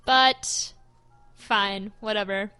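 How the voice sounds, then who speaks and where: A woman co-hosting a podcast in casual, animated, joking chat. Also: medium pitch, extremely slow, clear, resonant tone, dry recording, faint music behind. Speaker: podcast co-host.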